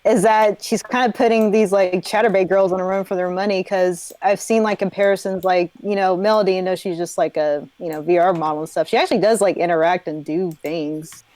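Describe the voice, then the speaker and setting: A woman's voice: lowish voice, fairly even intonation, a little fast, hardly any pauses, darkish tone. A woman chatting loosely as a guest in a casual stream chat.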